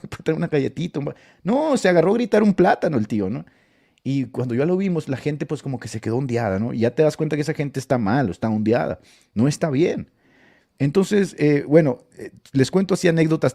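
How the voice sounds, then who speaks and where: Male preacher, northern Mexican accent, mid-pitched and mellow, casual anecdotal delivery broken up by frequent laughter. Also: gravelly. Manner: laughs often while telling stories. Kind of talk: casual storytelling talk.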